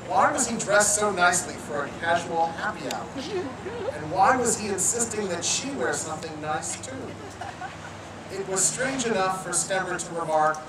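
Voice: medium pitch, expressive, normal speed, a loud crowd. Playful wedding officiant, distant and echoey. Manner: playful, teasing storyteller. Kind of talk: wedding ceremony storytelling. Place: outdoor public garden. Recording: echoey, distant outdoor sound with noise.

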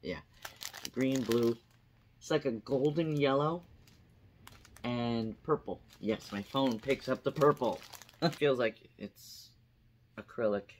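A woman's voice: rumbling low, takes it slowly, pauses often, a little mellow, slight background noise. A woman vlogger unboxing her yearly yarn haul at home, chatting unhurriedly and reading out the labels. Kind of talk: casual unboxing chat.

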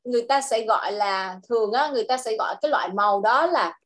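High-voiced Vietnamese woman tutoring English. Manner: slow, drawn-out model phrases, switching to Vietnamese explanations. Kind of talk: online English lesson for a child.

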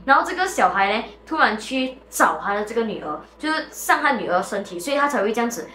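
A woman hosting a show and telling a ghost story casually, animated and mixing in English words. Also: on the high side, quick pace. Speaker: host and storyteller. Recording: echoey room with faint music.

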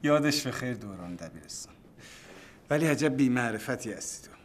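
A boastful office deputy , played by an actor, talks wryly with an old friend in a TV sitcom. His pitch is ordinary, with faint background noise. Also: expressive, natural voice. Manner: wry and boastful. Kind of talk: sitcom acting.

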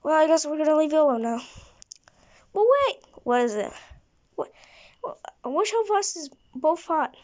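A woman's voice: sits high, animated, normal speed, long pauses, a little mellow, voice pushed up. A woman voicing a blunt, trigger-happy male police officer who rambles and restarts his sentences. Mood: offhand. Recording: dull lo-fi recording.

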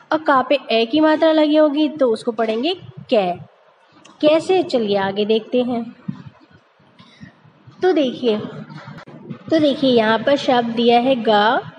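A woman's voice: sits high, darkish tone, dull audio, slight background noise. A woman teaching young children over pictures, patiently asking questions and answering them herself. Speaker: primary school teacher. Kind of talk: narrated lesson over slides for young children.

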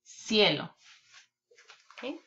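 A woman teacher giving a children's reading lesson online, speaking deliberately, repeating words and checking in with "ok?" often. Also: bright, forceful tone. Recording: dull lo-fi recording.

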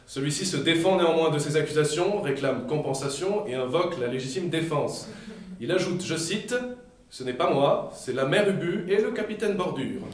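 A man's voice: a little high, normal speed, lightly acted. A young man playing a solemn television news anchor in a stage parody, formal and declarative. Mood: brisk, solemn. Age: young adult. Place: indoor theatre stage. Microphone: far camera. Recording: echoey theatre stage, distant mic.

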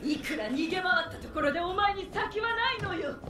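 A woman's voice: very high-pitched, animated, brisk. Sneering monstrous young woman. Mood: mocking. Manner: sneering, taunting. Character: scornful monstrous young woman, cruel and mocking. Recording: echoey game audio with noise.

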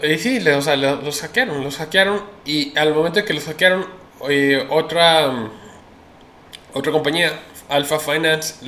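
A man's voice: on the high side, pushed and bright, reverberant. A man hosting a casual crypto news show, chatty and opinionated, with many restarts and fillers.

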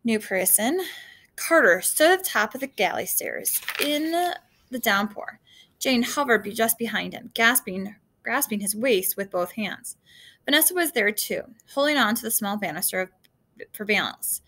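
A woman's voice: mid-range voice, expressive, normal speed, pushed and bright, a little hiss or hum. A woman reading a children's adventure novel aloud, casual, with slips and asides to her listeners.

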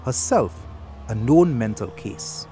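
Man, documentary narrator, solemn, slow, mellow, soft music behind. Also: medium pitch, very animated. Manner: solemn, measured. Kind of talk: scripted narration.

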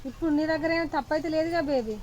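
A woman's voice: sits high, rapid-fire, a little mellow, highs cut off, a little hiss or hum. A woman, chiding as a mother in a family skit.

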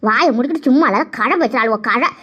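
A woman voicing a sharp-tongued village woman who scolds and grumbles sarcastically in a cartoon family quarrel. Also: on the high side, lively intonation, quick pace. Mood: scolding. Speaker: cartoon voice artist. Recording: dull lo-fi recording.

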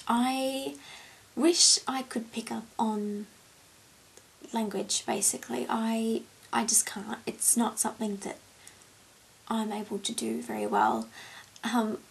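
A woman's voice: fairly high pitch, breathy edge, poor audio. A young woman chatting casually to camera as a vlogger, answering tag questions with plenty of ums. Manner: rambling and chatty, with many ums. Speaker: beauty vlogger.

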